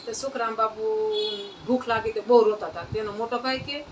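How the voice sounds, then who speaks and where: A brisk, higher-pitched woman's voice carries a saint's life story at a satsang. As a devotional storyteller, she keeps it plain and folk-like, repeating her phrases. A distant mic records her with faint ambient noise.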